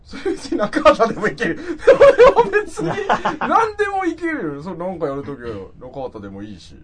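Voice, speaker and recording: A man's voice: sits high, very animated, fairly quick, a crowd in the background. A man co-hosting a comedy podcast, firing back teasing retorts and laughing often. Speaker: podcast co-host. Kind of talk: casual comedic chat.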